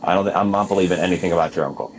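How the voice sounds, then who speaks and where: A police officer, a man with a low voice, fires off blunt, skeptical questions at a quick pace, picked up by a bodycam. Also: a little hiss or hum, poor audio.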